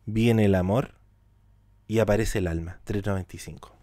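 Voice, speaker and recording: A man's voice: fairly low pitch, steady tone, normal speed, dark tone, no room sound. A man teaching mysticism in a spiritual talk, repeating words for emphasis and asking rhetorical questions.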